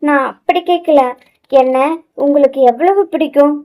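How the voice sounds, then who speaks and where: A woman doing a shy young wife, halting and unsure, high voice, audio romance. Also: narrow, tinny audio, lightly acted. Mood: hesitant, pleading. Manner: hesitant, stammering.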